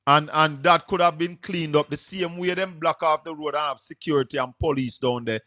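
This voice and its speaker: Jamaican guy hosting a call-in show, bright voice, patois, dry close sound. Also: a little high, fairly even intonation, no echo. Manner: talks in Jamaican patois, brisk and direct. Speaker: radio call-in show host. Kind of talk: live call-in talk show.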